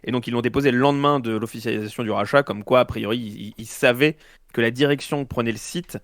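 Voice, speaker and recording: A man's voice: medium pitch, fast, no room sound, clean studio sound. A man with a slight lisp, his s slushing toward sh, discussing news in a casual, slangy way with sarcastic asides. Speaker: panelist.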